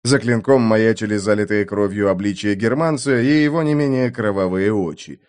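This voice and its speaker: A man narrating an adventure audiobook with a vivid, expressive reading. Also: fairly low pitch, normal speed.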